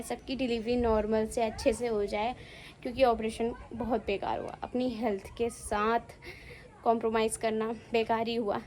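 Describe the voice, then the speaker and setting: A woman's voice: a little high, dark tone, slight background noise, poor audio. A young woman vlogging and tearfully telling her own story, often repeating herself. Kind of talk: emotional personal vlog.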